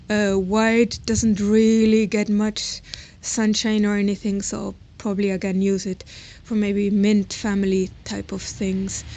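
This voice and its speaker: Hesitant and informal, a woman narrates an unscripted walk through her own garden plot and around her house in a mid-range, slightly mellow voice. The clip was captured outdoors on a handheld camera or phone while she walked, so it is noisy with ambient sound.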